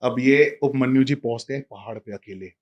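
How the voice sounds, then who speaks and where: A man telling a devotional story in a lively, casual way, talking straight to a listener. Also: mid-range voice, a little fast, dull audio.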